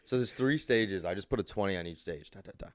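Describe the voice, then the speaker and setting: A man's voice: low-pitched, quick pace, no echo, studio quality. A young man co-hosting a podcast, telling a rambling, profane, jokey story in casual chat. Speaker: podcast co-host.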